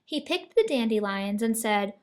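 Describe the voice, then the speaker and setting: A woman reads a children's picture book aloud, telling the story expressively. Her voice sits a little high, and she keeps a moderate pace.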